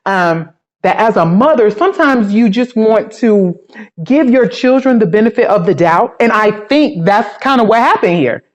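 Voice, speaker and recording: A woman's voice: fairly high pitch, lively intonation, normal speed. New york lady hosting a chat show, blunt and gossipy, voice swings up and down, kinda muffled lo-fi sound. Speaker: host. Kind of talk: casual opinion chat. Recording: dull lo-fi sound.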